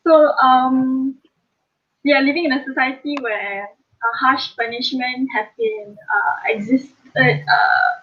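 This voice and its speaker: A woman talks slowly in a high voice, pausing often with fillers and restarts. She is a panelist in an online forum. Her voice comes through a tinny, phone-like video call line. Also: steady tone. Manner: halting, many fillers and restarts.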